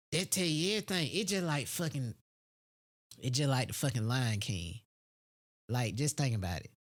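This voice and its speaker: American speaker, mid-range pitch, blunt, heavy swearing, street slang, emphatic repetition, casual unscripted monologue. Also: a bit bright. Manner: blunt, heavily profane, slangy; repeats phrases for emphasis. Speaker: podcast host.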